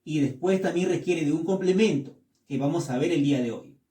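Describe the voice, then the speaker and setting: A man with a high, mellow voice teaches a lesson at a slow, patient pace. He repeats each word and keeps checking that his listeners follow. He sounds set back from the mic in an echoey room. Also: recorded from a distance. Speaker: English teacher. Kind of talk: classroom lesson.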